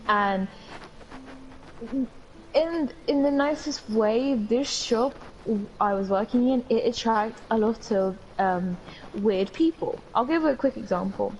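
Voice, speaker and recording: A woman's voice: fairly high pitch, animated, takes it slowly, darkish tone, lo-fi sound, a little hiss or hum. A young woman from the UK with a British accent, co-hosting a podcast and telling rambling stories in casual chat with some swearing. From United Kingdom. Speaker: podcast co-host.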